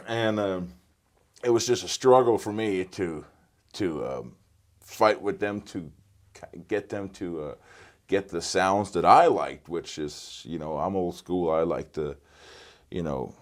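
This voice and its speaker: A man's voice: sits low, slow pace. A man, a guitarist and studio engineer answering interview questions with many fillers and restarts, on a lapel mic in a small home studio. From Norway. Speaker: guitarist and recording engineer guest. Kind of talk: casual interview. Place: home music studio, indoors.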